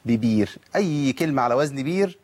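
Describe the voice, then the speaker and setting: Husky, quick Egyptian tajweed teacher. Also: male voice, medium pitch, expressive, darkish tone. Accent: Egyptian Arabic. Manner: patient, corrects and models pronunciation step by step. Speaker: Quran recitation teacher. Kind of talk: televised tajweed lesson.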